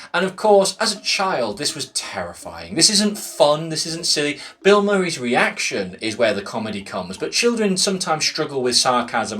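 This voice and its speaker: A man's voice: medium pitch, a bit bright. Male film reviewer, casual, enthusiastic retelling, mid-range voice. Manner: enthusiastic, retelling scenes with quick acted quotes. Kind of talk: casual film recommendation talk.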